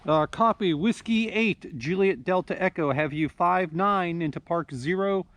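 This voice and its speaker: A man outdoors in the cold making a ham radio call, slowly spelling phonetic call signs and giving signal reports. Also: high voice, fairly bright tone. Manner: slow, deliberate phonetic spelling. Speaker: ham radio operator and video host. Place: outdoors in a park in winter.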